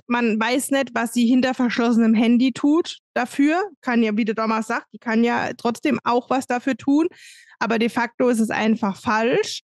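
Frank, higher-voiced woman podcaster. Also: no echo, clean studio sound. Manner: frank, emphatic, plain-spoken. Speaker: podcast co-host. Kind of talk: casual chat. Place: home room, indoors. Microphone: studio mic on arm, video call.

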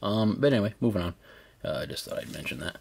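A man's voice: fairly low pitch, lively intonation, quick pace, vocal fry, husky. A man giving a casual hands-on product review in an informal, chatty, exclamatory way.

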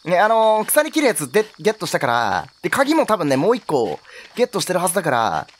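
Jumpy, wildly animated male game commentator. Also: high-pitched, fast talker. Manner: jokey, yelps and exclaims at scares. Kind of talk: horror game let's play commentary.

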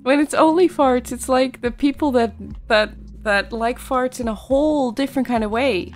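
A woman's voice: high voice, normal speed. A woman streamer chatting casually with her viewers, reacting to chat with frequent laughter and yawning from tiredness.

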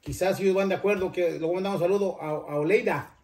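A man's voice: sits high, fast, darkish tone. An older man, hosting a cooking channel and chatting casually to viewers in a rambling way that often stops and restarts. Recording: roomy, echoey room.

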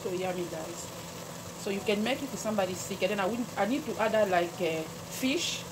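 A woman's voice: medium pitch, a little fast, background noise. A woman with chatting casually to her viewers as she cooks at home, calling them "guys". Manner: chatty, talks to viewers as "guys", non-native English. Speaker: home cooking channel host. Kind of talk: casual cooking narration. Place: home kitchen at the stove. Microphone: camera pointed at the pot, speaker off-screen. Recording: loud kitchen sizzle. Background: loud sizzling and frying.

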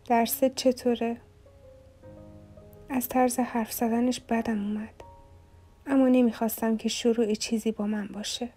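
A woman reading a novel aloud as an audiobook narrator, in a soft, even storytelling manner. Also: on the high side, soft background music.

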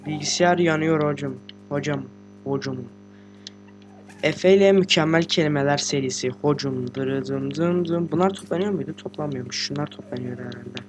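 A teenage boy, a gaming host, giving casual let's-play commentary while sick and talking quietly, chatty, slangy and joking with swearing. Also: on the high side, moderate pace, over music. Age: teens. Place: room at home with a computer.

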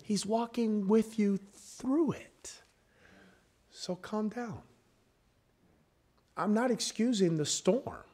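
Man, preacher, church sermon, somewhat high voice, loud then soft, scripture quotes, questions to the pews. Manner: preaching with big swings from loud to soft, quoting King James scripture; asks the congregation questions. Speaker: guest preacher. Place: church sanctuary.

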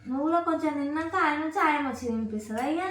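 A woman's voice: sits high, very fast, background noise. A woman hosting a casual home vlog, coaxing and questioning children in a sing-song way. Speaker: vlogger and mother. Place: home, children playing with toy kitchen sets. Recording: echoey room, voice from a distance, loud clattering of toy dishes.

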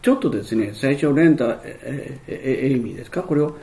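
Gravelly, mellow Japanese teacher of English. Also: male voice, medium pitch, lively intonation, quick pace. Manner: rambling and hesitant, many fillers and restarts. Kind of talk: explaining a textbook lesson.

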